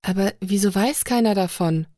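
A woman voicing a sharp-tongued young woman on a starship, speaking in a raised, mocking tone. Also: medium pitch, normal speed, no echo, studio quality, voice pushed up, close to an everyday voice. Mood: earnest.

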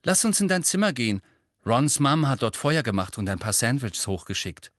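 A man voicing a clever, bossy teenage girl who talks in a brisk, lecturing way. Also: medium pitch, lively intonation, no room sound, clean studio sound, voice pushed up, close to an everyday voice.

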